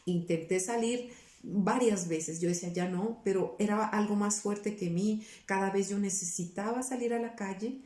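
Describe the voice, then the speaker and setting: A woman's voice: mid-range voice, normal speed, warm tone, echoey room. A woman in her forties, a pastor giving her personal testimony in a casual interview. She talks earnestly and keeps searching for words, with many restarts.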